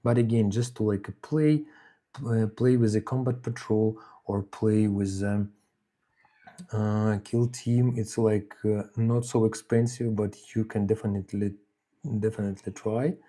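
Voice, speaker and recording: A man from Ukraine with halting English and many fillers, chatting casually on a live painting stream. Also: lowish voice, steady tone, warm tone. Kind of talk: live-stream hobby chat. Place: home hobby desk.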